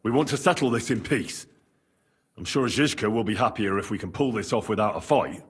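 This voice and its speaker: An actor playing a level-headed male rebel leader with a husky voice who commands and placates. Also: fairly low pitch, fairly quick. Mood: calming.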